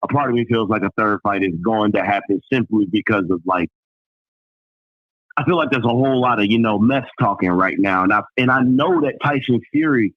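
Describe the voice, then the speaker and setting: A man's voice: on the low side, a little fast, no echo. Drawling man on a tinny phone line. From Alabama, United States. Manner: emphatic, repetitive, heavy slang and swearing. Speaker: caller. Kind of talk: casual opinionated phone-in rant.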